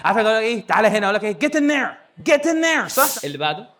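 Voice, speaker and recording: Fast, bright-voiced Egyptian male teacher. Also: high-pitched, big pitch swings. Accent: Egyptian Arabic. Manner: quick, playful, laughs often, quizzes the crowd. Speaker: English teacher. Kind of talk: lively classroom teaching. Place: youth hall with a live audience.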